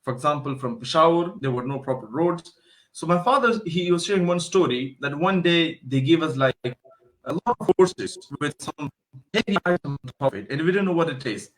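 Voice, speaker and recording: A man's voice: fairly high pitch, animated, fairly quick. Man explaining at length. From Afghanistan. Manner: explanatory, storytelling, with frequent restarts. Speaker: guest. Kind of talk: casual interview.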